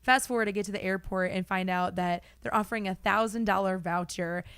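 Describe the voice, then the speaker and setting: Woman, young adult, from Wisconsin, chatty storytelling, smooth voice, dry sound. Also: mid-range voice, fairly even intonation, fairly quick, a bit bright, dry recording. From Wisconsin, United States. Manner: chatty, laughs between phrases. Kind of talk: casual storytelling.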